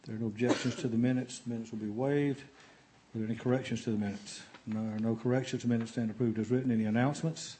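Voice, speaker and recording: A man chairing a city council meeting as mayor, running through the procedure in a brisk, matter-of-fact way. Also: medium pitch, steady tone, mellow, slight background noise.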